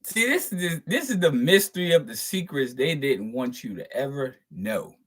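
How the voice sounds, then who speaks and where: Animated and moderately paced, this channel host has a medium-pitched, slightly bright voice with a breathy edge. His spiritual monologue to viewers is profane and preachy, with emphatically stressed, drawn-out words and chuckles between points.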